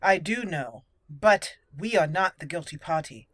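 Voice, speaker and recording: A woman hosting a gameplay video roleplays her character's lines and adds personal commentary in let's play fashion. Her fairly low, fairly bright voice is expressive and a little slow, with no room sound. Game music runs behind her speech.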